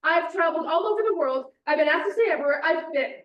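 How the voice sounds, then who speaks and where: A woman's voice: very high voice, quick pace, muffled recording. A woman reading a play aloud, playing a proud, boastful actress who is on edge. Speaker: actor in a staged reading, playing an actress fleeing Kyiv. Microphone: distant microphone. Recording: echoey room, distant mic, faint noise.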